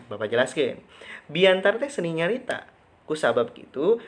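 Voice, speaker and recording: A man's voice: a little high, a bit bright. A male teacher giving a recorded lesson over slides, who keeps asking questions and answering them himself, stretching and repeating key words for emphasis.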